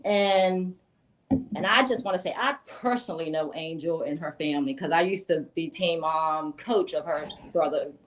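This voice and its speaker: A woman's voice: low voice, normal speed, low-quality recording. Outspoken woman. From rural American South. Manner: emphatic, outspoken. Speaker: talk show guest. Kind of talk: opinionated casual panel talk.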